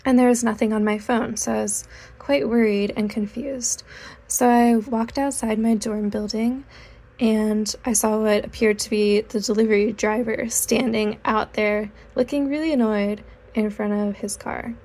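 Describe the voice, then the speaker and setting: Young woman rambling thru a storytime while she draws, kinda high voice, keeps correcting herself. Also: steady tone, measured pace, warm tone. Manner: rambling, self-correcting, chatty. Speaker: artist vlogger. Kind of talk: casual storytime while drawing.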